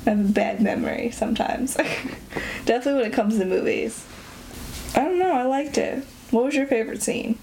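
A young woman hosting a casual podcast chat, talkative and quick to laugh. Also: fairly high pitch, creaky, a little mellow, slight background noise. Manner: chatty, giggly, quick to laugh. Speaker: podcast host.

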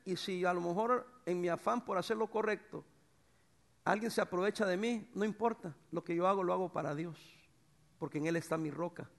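A middle-aged man preaching a sermon as pastor, swinging between loud bursts and soft, tender passages. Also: high voice, gravelly. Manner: animated preacher, swings from shouts to soft tones.

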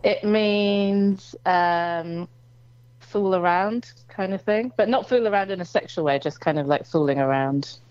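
A woman's voice: mid-range voice, a little slow, a little mellow, smooth, dry recording. A woman with an English accent, a guest in a casual interview, answering with dry, understated humor. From England. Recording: slightly dull lo-fi sound.

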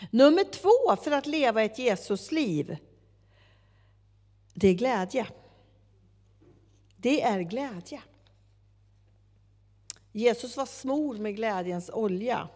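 A woman preaching a sermon, telling a story with lively acted-out dialogue. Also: medium pitch. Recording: long hall reverb.

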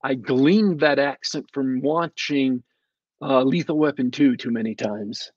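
A man's voice: mid-range voice, measured pace, dry recording. A man hosting a podcast, giving a casual, sarcastic review that wanders off topic, full of ums and restarts. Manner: sarcastic, digressive, with many fillers and restarts. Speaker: podcast host reviewing a TV show. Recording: slightly dull, dry lo-fi sound.

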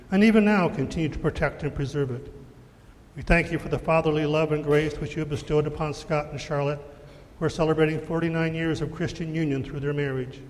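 A man leading the prayers of the church in a measured, solemn way, his voice ringing with a long echo in a large church. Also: a little high. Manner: measured, solemn liturgical reading. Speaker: worship leader. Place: church sanctuary.

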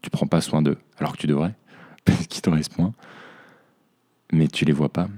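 A young podcast host with a very deep, warm voice delivers a reflective personal monologue, addressing himself as "tu." His intonation stays fairly even and his pace moderate as he turns inward.

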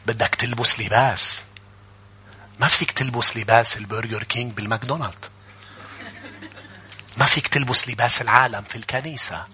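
A man with a Levantine Arabic accent preaching a sermon to a live congregation in a church. He moves from chatty asides to fervent shouting and calls on the congregation to answer him. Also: mid-range voice, steady tone, brisk, long pauses. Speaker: pastor.

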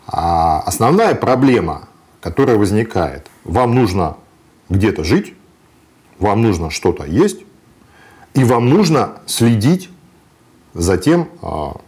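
Man, low voice, very animated intonation, matter-of-fact explainer, hesitant fillers. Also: takes it slowly, pauses often. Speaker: guest sharing travel experience. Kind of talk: conversational interview.

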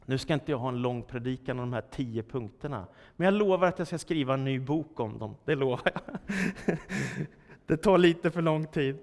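A man's voice: medium pitch, expressive, a little mellow. A man preaching a sermon, emphatic and full of rhetorical questions, his voice swelling and dropping for effect. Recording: long church-hall reverb.

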